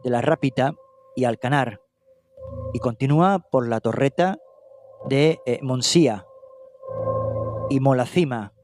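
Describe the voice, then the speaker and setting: With a darkish, mid-range voice, this man reads a true-crime case in documentary fashion at a measured pace, pausing often. He is from Spain but not Catalonia, reads steadily with minor hesitations and self-corrections, and has music in the background.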